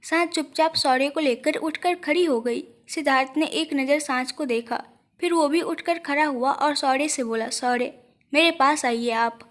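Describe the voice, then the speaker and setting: A woman reading a romantic audio story aloud as the narrator, in a soft, expressive way. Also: sits high, moderate pace.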